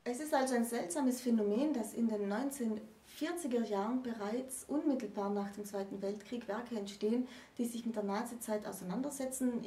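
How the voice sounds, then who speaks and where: A fairly high, mellow-voiced woman in her thirties presents books as a co-host in a to-camera discussion. She's recorded indoors in a room with bookshelves, using a distant microphone that leaves a roomy echo.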